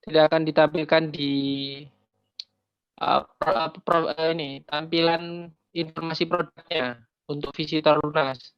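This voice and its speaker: A man giving an online product-form walkthrough, his audio choppy and breaking up from a poor connection, speaking haltingly with restarts. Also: a little high, flat delivery, clear, resonant tone, no room sound. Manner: halting, with frequent restarts and filler sounds. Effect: choppy, breaking-up internet call audio. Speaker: online presenter demonstrating a product data form. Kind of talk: step-by-step webinar walkthrough. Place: remote location with a weak internet signal. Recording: muffled online call audio.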